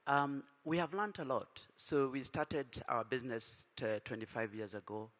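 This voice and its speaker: Speaking at normal speed in a mid-range, fairly bright voice, this panelist gives a businesslike answer full of fillers and restarts. He's tired from too little sleep, and the conference hall where he's recorded is reverberant.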